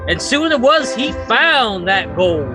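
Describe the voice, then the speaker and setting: A man plays a folksy frontier storekeeper spinning spooky legends. His high voice swoops theatrically and takes its time, halting here and there over clear music. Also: very animated, heavily acted. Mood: eerie, ominous. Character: old-West general store keeper spinning a spooky legend. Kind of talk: improvised Western campfire storytelling. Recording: music behind the voice.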